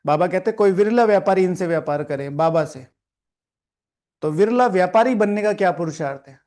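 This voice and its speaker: A man's high-pitched, darkish voice carries lively intonation at a normal speed as he teaches a spiritual class. Addressing a seated class in a meditation hall with a live audience, he reads the lesson aloud and explains it like a sermon, scolds listeners, repeats lines, asks questions, and often adds "theek hai."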